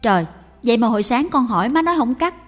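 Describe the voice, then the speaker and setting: A woman's voice: a little high, expressive, fast talker, voice pushed up. A woman voicing a devoted adult daughter who speaks eagerly and pleads. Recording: long reverb with faint music.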